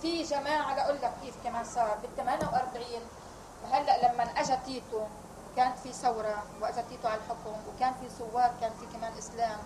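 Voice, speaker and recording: An older woman from Palestine recounting family memories in a rambling, animated interview. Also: on the high side, racing. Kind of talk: oral history recollection. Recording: roomy, loud vehicle noise.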